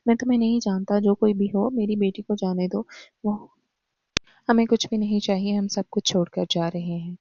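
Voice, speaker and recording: A woman voicing an enraged, desperate middle-aged father who shouts threats and demands in a storybook reading. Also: medium pitch, steady tone, lo-fi sound, noisy background, lightly acted. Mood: pleading.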